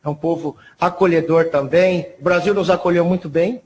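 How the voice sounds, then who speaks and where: A man from São Paulo, a guest historian on a TV interview, explaining softly and in a measured way with frequent tag questions. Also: on the high side, fairly even intonation. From São Paulo, Brazil. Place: TV studio.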